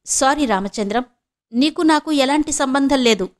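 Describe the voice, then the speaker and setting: A woman's voice: high voice, normal speed, pitched above the performer's own voice, natural voice. A woman reading the lines of a proud, bitter middle-aged woman who speaks sharply and scornfully to her ex-husband. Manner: sharp and scornful, snapping out short questions.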